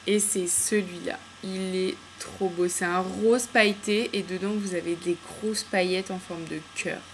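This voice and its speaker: Speaking in a lowish, steady voice at an unhurried pace, a woman who vlogs about beauty talks enthusiastically through her nail polish haul, full of slang and filler words. The home video is shot in a room with windows open onto the street, with slight background noise.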